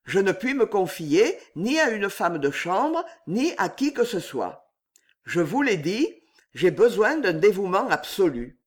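A calm, commanding gentleman, read by a man persuades smoothly and confidently. The voice is high and lively in pitch, and the delivery is unhurried. It is an audiobook reading. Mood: assured.

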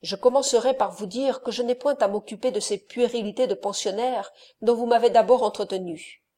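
A woman reading the part of a proud, sardonic nobleman in an audiobook, with clipped, forceful delivery. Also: on the high side, a little fast, close to an everyday voice. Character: stern proud male count, sardonic and cold.

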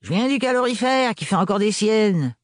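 A gruff young woman mechanic, curt and grumbling, as a man puts her on. Her voice is pitched well above the reader's own. It sounds close and dry. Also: lively intonation, moderate pace, dry recording. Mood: sullen curt. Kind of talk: audiobook character voice.

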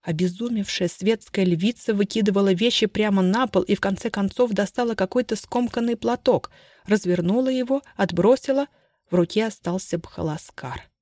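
A woman reads a detective novel aloud in a measured, expressive voice of middling pitch. The recording is close and dry with no room sound. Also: no echo. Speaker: audiobook narrator. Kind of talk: scripted narration of a detective novel.

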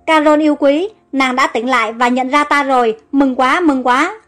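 Young pharaoh, urgent and commanding voiced by a woman, high voice, light music. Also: normal speed, fairly bright tone. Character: devoted young male pharaoh.

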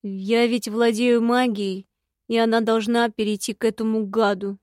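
A woman voicing a secretive, grumbling male imp in an audiobook, speaking slowly and gruffly. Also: on the high side, level tone, darkish tone, no room sound, studio quality, natural voice. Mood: glum.

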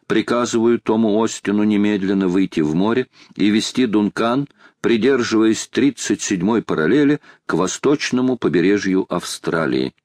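A wounded lord dictating orders in a firm, formal tone, as a male reader puts him on. His voice sits low and sounds close and dry. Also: moderate pace, darkish tone, no echo, natural voice. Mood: commanding.

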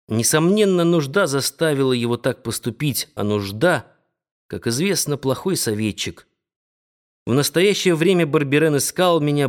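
A man narrating an audiobook in the first person, in a measured, expressive storytelling manner. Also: medium pitch.

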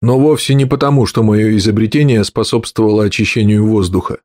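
A man reading an audiobook and voicing an angry middle-aged inventor with a slightly husky note, explaining at length. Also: lowish voice, fairly quick, darkish tone, dry recording, studio quality, natural voice. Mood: bitter.

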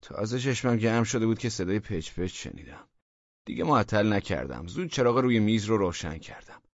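A man's voice: lowish voice, animated, no room sound, lo-fi sound. A man narrating a story in a wry, matter-of-fact manner, as an audiobook reading.

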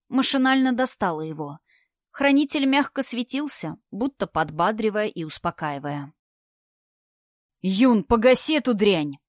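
A woman narrating a novel in an even, storytelling manner as an audiobook reader. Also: mid-range voice, no echo, studio quality. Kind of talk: scripted narration.

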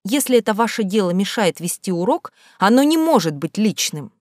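A woman's voice: mid-range voice, big pitch swings, a little fast, a little mellow, dry recording, clean studio sound, close to an everyday voice. A woman voicing a nosy middle-aged female teacher who pries with an ingratiating tone. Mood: prying. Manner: ingratiating, prying.

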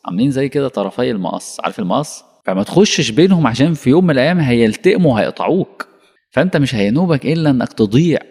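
Fast-talking Egyptian preacher in a reverberant hall. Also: male voice, mid-range voice. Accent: Egyptian Arabic. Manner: animated, rhetorical questions, acts out dialogue. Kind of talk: colloquial religious lesson.

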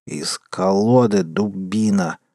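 A man voicing a menacing card-sharp gunslinger who talks slowly through his teeth. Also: medium pitch, animated, dry recording, clean studio sound, close to an everyday voice. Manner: slow, hissing growl.

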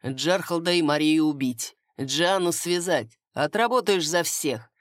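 A woman's voice: sits low, unhurried, no room sound, clean studio sound. A woman reading a gloating villainous king. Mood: cold. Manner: mocking, gloating. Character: cruel scheming male king, gloating villain.

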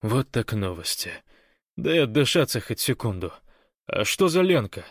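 A man voicing a brash young man who has lost his memory, talking loudly and cheekily. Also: mid-range voice, sing-song, measured pace, no room sound, clean studio sound. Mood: bewildered. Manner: loud, cheeky, defiant. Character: brash young man with amnesia, cocky and joking.

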